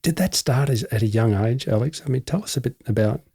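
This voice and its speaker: A man's voice: medium pitch, a little fast, creaky, dark tone, breathy edge. A man hosting an interview, asking friendly, rambling questions with frequent restarts. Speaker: podcast host. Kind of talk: conversational interviewing.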